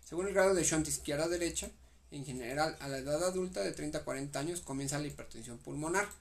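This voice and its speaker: Speaking fast in a slightly high, creaky voice, a young Mexican-accented man studies for a medical exam with a partner. He reads the guideline text aloud and restates it in slang.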